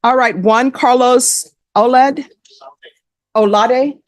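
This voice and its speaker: A woman judge in a courtroom, reading legal admonishments and sentences in a measured, formal way. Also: on the high side, no echo, studio quality.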